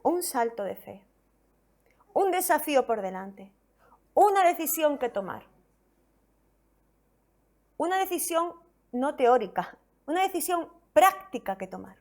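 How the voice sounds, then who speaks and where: A woman's voice: sits high, sing-song, a little slow, long pauses, a little mellow. A woman pastor from Spain preaching a sermon with a Spain Spanish accent, reading scripture expressively and asking the congregation questions.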